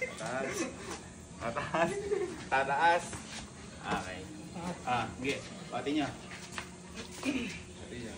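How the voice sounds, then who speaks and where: A man's voice: mid-range voice, huge pitch swings, very slow, long pauses. A man hosting a prank challenge with casual, goading banter, often repeating his phrases. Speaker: host of a challenge video. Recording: loud music, voice far from mic.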